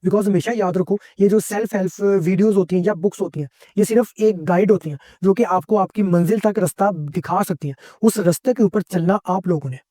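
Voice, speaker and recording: A man's voice: high-pitched, brisk, few pauses, mellow, dry recording, clean studio sound. A man gives a motivational self-help talk as a content creator, explaining step by step and mixing in English phrases. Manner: instructive, mixes English phrases into Urdu.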